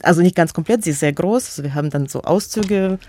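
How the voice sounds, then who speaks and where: This woman speaks fast in a lowish, warm voice. As a museum curator and radio guest, she answers interview questions about her work with a Russian accent, being a native Russian speaker, and hesitates a lot, restarting and filling pauses.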